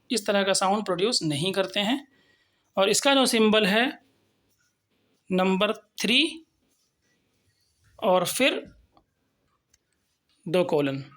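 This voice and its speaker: Woman, phonetics teacher, slow and patient, repeats examples. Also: medium pitch, fairly bright tone. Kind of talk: recorded lecture with slides.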